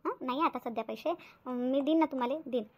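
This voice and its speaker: A woman's voice: sits high, fast talker. A woman voicing a scheming young wife in a cartoon, sly and whiny, pleading with fake tears. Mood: fake sobbing. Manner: wheedling, fake-tearful pleading. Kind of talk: cartoon voice acting.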